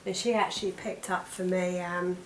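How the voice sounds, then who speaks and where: A British woman with a croaky, allergy-affected voice, chatting casually to camera as a weight loss vlogger. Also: fairly low pitch, flat delivery, normal speed. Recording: echoey room with background noise.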